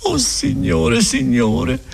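A man's voice: high-pitched, normal speed, noisy background, voice pushed up. A man voicing a distraught older peasant woman. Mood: tearful. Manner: pleading, near tears.

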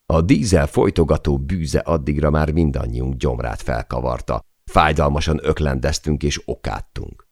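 Very deep, gravelly man narrating. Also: a little mellow, no echo, clean studio sound. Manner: measured, dramatic storytelling. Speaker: audiobook narrator. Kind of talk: scripted audiobook narration.

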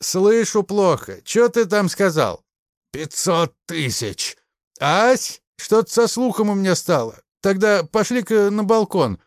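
A man voices a brutish secret-police major from a spoken story. His voice sits high and pushed with scorn, sneering at everything he hears. The threats come out loud and blunt in a dry, close recording. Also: very animated, moderate pace, dry recording. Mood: taunting. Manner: coarse, mocking, threatening. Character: menacing crude male secret-police major.

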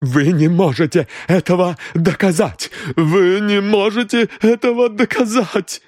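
A shrill, furious middle-aged woman, as a male reader puts her on hurls indignant outbursts in a raised, strained voice. Her defiance climbs ever higher. The sound is close and dry, with no room around it. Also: fairly even intonation, a little slow, a little mellow, no room sound. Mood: desperate.

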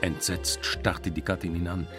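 A man reading a story aloud in a measured, deliberate way for a radio feature. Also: low-pitched, little pitch movement. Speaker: narrator. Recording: radio feature with music underneath.

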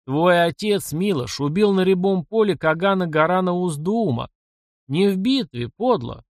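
A man voicing a cruel, vengeful old nomad chieftain who speaks in slow, growling commands. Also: sits high, animated, no room sound, clean studio sound, voice pushed up. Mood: cold menace.

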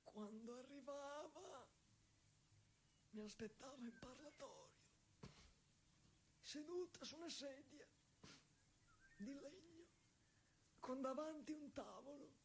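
In an intimate theatrical monologue, a woman whose voice sits high portrays a tender, longing husband confined to an asylum. Her lines come haltingly, simply, with repetition and emotion, in a fond, wistful mood over a faint hiss or hum.

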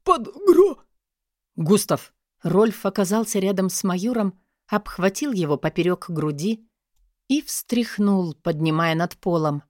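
A woman narrating an audiobook in the first person with an even, expressive reading. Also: on the low side, a little slow, no room sound, studio quality.

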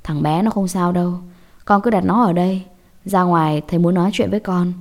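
A woman voicing a gentle, slow-spoken Buddhist monk in a storybook horror tale. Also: lowish voice, close to an everyday voice. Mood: grave. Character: calm Buddhist monk, grave.

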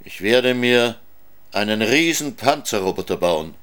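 A man's voice: lowish voice, lively intonation, unhurried, fairly bright tone. A man voicing a stubborn lonely boy. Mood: defiant. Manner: insistent, defiant. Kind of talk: storybook reading.

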